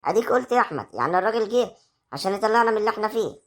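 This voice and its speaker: Woman playing young Egyptian village wife, quick, persuasive, amateur web drama. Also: mid-range voice, expressive, natural voice. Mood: coaxing. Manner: coaxing, persuasive. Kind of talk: amateur rural family drama acting.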